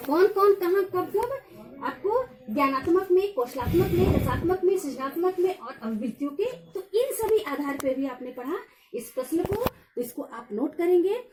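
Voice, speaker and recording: A middle-aged woman lecturer giving a revision lecture, explaining step by step and slowly repeating key phrases. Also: very high voice, lively intonation, background noise. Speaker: college lecturer.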